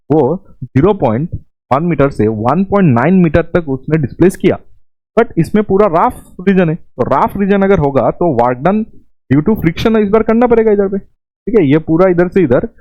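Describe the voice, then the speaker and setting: Male tutor, coaxing and repetitive, dry muffled recording, mid-pitched. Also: dry recording. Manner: coaxing, repetitive, mixes English terms. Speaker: physics teacher. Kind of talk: Hindi-English exam lesson.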